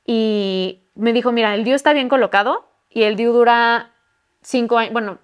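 A woman's voice: on the high side, steady tone, moderate pace, clean tone, dull audio. A woman in her twenties with a Mexican accent, telling a personal story on a podcast in candid, slangy speech. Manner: candid, slangy, swears freely, acts out quotes. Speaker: podcast guest. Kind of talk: casual storytelling.

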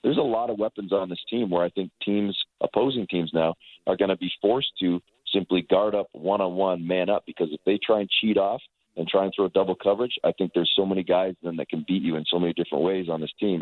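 Man, sports broadcaster guest, rambling, very deep voice, phone-line audio. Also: fairly even intonation, no room sound. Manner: quick, rambling, stumbling restarts. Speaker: team radio play-by-play voice. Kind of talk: casual chat by phone.

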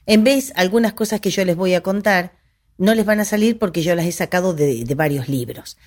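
A woman's voice: on the low side, brisk, a little mellow. A woman giving an informal history talk, conversational and digressive, with restarts and asides. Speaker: history presenter.

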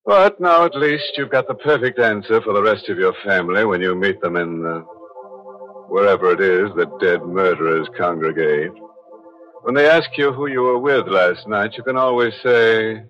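Man acting as old radio announcer, ghoulish horror host, sardonic, theatrical, low voice, muffled vintage broadcast. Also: normal speed, soft background music, natural voice. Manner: sardonic, macabre punning. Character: ghoulish, wisecracking male horror show host.

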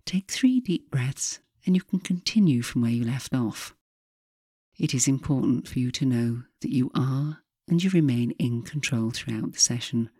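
A woman speaking as a hypnotherapist host, giving guided relaxation in a soft, breathy voice with a calm, measured, soothing delivery and frequent pauses. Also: rumbling low, no echo, studio quality.

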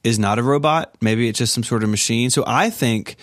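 A man talking casually on a podcast in a measured, deliberate way. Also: medium pitch, dry recording, clean studio sound. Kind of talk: casual chat.

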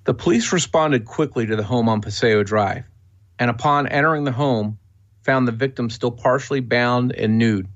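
A man reads a true-crime script steadily and matter-of-factly, with a middle-range voice. The audio sounds slightly dull and muffled, as if the high end has been rolled off. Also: normal speed. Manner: steady, matter-of-fact reading. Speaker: podcast co-host.

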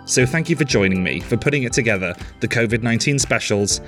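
A man hosting a podcast, reading scripted narration in a measured, explanatory way. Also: mid-range voice, expressive, music in the background. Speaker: podcast host.

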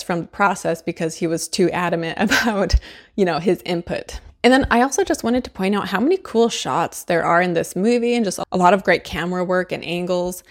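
A woman giving a casual, chatty book and movie review to camera, laughing often and using a lot of fillers. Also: on the low side.

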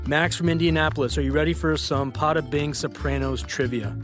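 A man's voice: fairly high pitch, fairly even intonation, brisk, music in the background. A man hosting a casual trivia quiz, upbeat and teasing as he quizzes a caller. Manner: upbeat, playful, teasing quizmaster. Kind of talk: casual podcast quiz banter.

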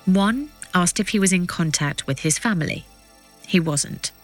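A fairly low-pitched woman narrates a scripted documentary podcast, telling the story in a measured, suspenseful way over soft background music.

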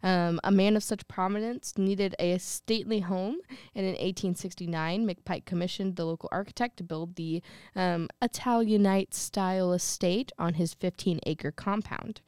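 A woman's voice: fairly low pitch, steady tone, normal speed, a little mellow, clear, resonant tone, no room sound, studio quality. A young woman co-hosting a podcast, reading a ghost story in casual chat with jokey, slangy asides. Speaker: podcast co-host.

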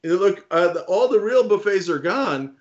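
A man's voice: sits high, expressive, normal speed. Rambling older man with a Jersey accent. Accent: New Jersey. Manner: rambling storyteller, playful. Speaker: podcast host. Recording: dull lo-fi remote audio.

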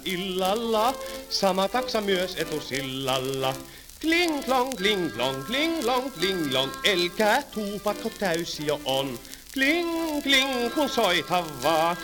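A man singing and playing a fussy old-time tram conductor who scolds passengers, on an old archive record with music. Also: sits high. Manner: sings, then scolds passengers in quick patter. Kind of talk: 1930s comic song with spoken patter.

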